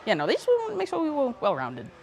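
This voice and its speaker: A woman's voice: high voice, a little hiss or hum. A young woman from the Bahamas with a light Bahamian accent, a guest telling stories in a casual interview. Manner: quick, animated storytelling. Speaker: guest athlete.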